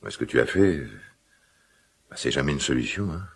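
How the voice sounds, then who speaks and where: In a naturalistic French radio drama, an actor plays a gruff, quick-tempered but caring middle-aged father, using a full character voice that's deep, gravelly, and husky. His speech is halting, repetitive, blustering, and colloquial, with lively intonation. The mood is earnest and affectionate.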